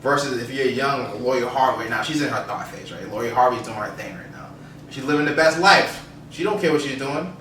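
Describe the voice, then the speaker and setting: A man's voice: mid-range voice, a little fast, a bit bright. A man co-hosting a podcast, explaining his opinions in casual, emphatic conversation. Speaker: podcast co-host. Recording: roomy, distant mic, faint noise.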